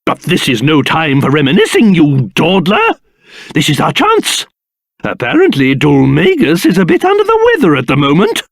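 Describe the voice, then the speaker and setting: A man voicing a pompous, excitable old cursed king in a video game, with a British accent and a theatrical manner that swings between grumbling and shrill outbursts. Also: normal speed, gravelly, no echo, studio quality, exaggerated voice. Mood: determined, nostalgic. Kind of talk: video game character voice acting.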